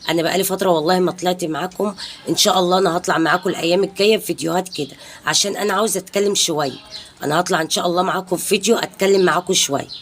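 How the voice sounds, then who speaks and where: A woman's voice: lowish voice, steady tone, racing, a little hiss or hum. A woman in her thirties with an Egyptian Arabic accent, chatting casually to her followers in a home vlog. She rambles from one point to the next and keeps dropping in pious blessings. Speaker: home vlogger and mother. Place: home balcony.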